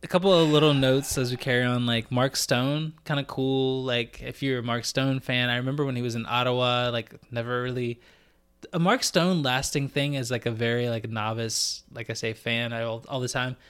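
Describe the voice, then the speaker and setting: A man's voice: mid-range voice, fairly even intonation, normal speed, a bit bright, clean tone. A man co-hosting a podcast, talking loosely and laughing often in casual sports chat. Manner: loose and chatty, laughs often, many fillers like "like". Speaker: podcast co-host.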